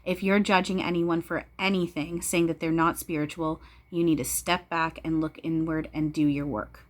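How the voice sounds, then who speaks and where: A woman with a slightly low-pitched voice speaks straight to her viewers in a casual spiritual talk. She is emphatic and blunt, swears freely, and drives her points home by repeating short phrases. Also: little pitch movement, moderate pace.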